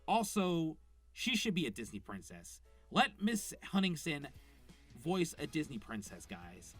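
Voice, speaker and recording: A man's voice: a little high, very animated, unhurried, a bit bright. Man, voice actor, unscripted commentary, enthusiastic, rambling, fillers, faint music behind. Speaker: voice actor reviewing a show.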